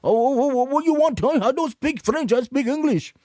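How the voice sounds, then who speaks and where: A man's voice: very high-pitched, a little fast, dark tone, dry recording, studio quality, pitched above the performer's own voice. A man mimicking a rude Englishman who refuses to speak French. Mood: mocking. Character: rude stuffy Englishman mocked by a Canadian man.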